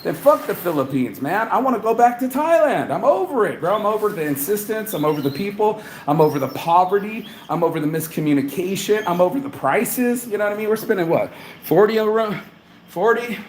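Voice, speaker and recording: This New Orleans vlogger's voice sits high and he's very animated and brisk as he delivers a blunt, rambling, profane live travel update. He's in a hotel room with echo and faint ambience, and a little hiss or hum comes through.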